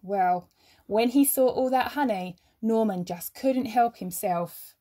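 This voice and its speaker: A woman with a slightly high voice reads a children's story aloud the way a teacher would. Her phrasing is expressive and measured, marked by emphatic pauses.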